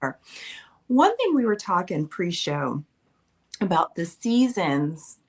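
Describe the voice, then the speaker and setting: Woman podcast host, low-pitched, affirming, conversational interview. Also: very animated, slow, husky. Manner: affirming, frequent agreeing murmurs.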